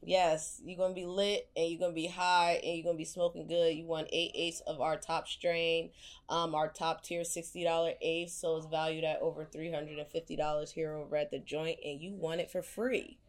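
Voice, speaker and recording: Playful lower-voiced budtender woman. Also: level tone, moderate pace. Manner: playful, teasing, hyped. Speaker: dispensary budtender announcing a prize. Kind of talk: phone call announcing a raffle winner.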